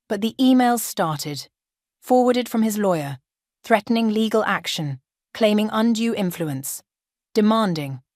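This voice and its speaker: An older woman narrating her own story in the first person, in a steady, calm and resolute way. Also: medium pitch, no echo, clean studio sound.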